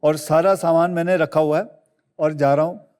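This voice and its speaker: A middle-aged man as a chat show guest, telling a story with animated energy that climbs higher as he gets excited. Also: normal speed, smooth, big-room sound. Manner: animated storyteller, rising high when excited.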